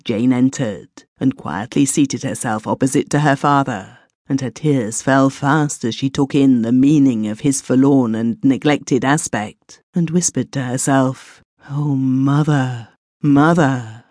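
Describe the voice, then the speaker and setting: A woman's voice: very deep voice, no echo. Woman narrating a ghost story, dry close sound. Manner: measured, steady reading. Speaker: audiobook narrator.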